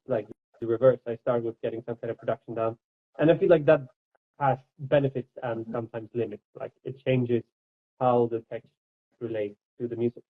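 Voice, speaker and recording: Young Swedish-accented man on a tinny line. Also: mid-range voice. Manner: thoughtful, laughs often, searches for words. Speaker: music producer, guest. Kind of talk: casual livestream chat. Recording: tinny phone-like call audio.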